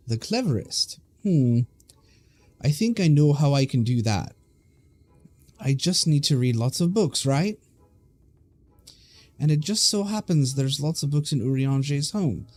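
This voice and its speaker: A vain little game fairy squeaks along in a mock Scottish lilt, as a man reads it aloud. The voice sits well above a grown man's own, bouncy and self-important, hungry for attention. The delivery is slow and deliberate. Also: a little mellow. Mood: eager. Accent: put-on Scottish.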